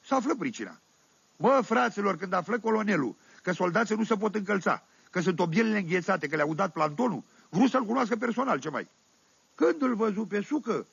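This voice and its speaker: Un actor care interpretează un sătean oltean de vârstă mijlocie, povestind glumeț și fără șir, cu accent oltenesc, într-o comedie radiofonică. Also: male voice, sits high, vocal fry, husky, no echo, full character voice. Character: folksy Oltenian village man telling tales. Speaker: storyteller. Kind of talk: 1970s radio comedy monologue. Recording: dull dry 1978 vinyl radio recording.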